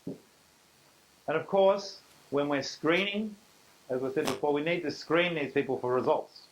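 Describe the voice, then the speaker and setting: A middle-aged Australian man presents a business seminar to a live audience in an easy, conversational manner, stressing key points heavily and often acting out small bits of dialogue in the same voice. His voice is a little high and measured, on a rough recording with slight background noise.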